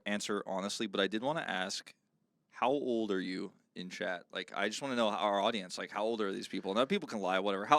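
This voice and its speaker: A man's voice: fairly low pitch, a bit bright, no echo. A man in his thirties, a playful and chatty esports caster doing casual commentary. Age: 30s.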